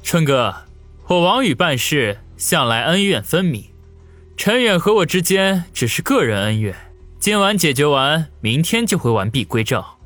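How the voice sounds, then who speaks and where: A man's voice: on the high side, sing-song, moderate pace, a bit bright, no echo, faint music behind, voice pushed up. A man doing a brash cocky gang leader. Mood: swaggering. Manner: brash, swaggering.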